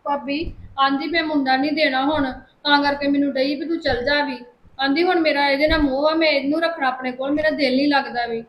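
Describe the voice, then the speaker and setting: A woman's voice: high voice, steady tone, a little fast, fairly bright tone, roomy sound. A woman playing an aunt who insists on keeping her nephew. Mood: pleading. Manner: insistent, pleading. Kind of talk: family drama acting.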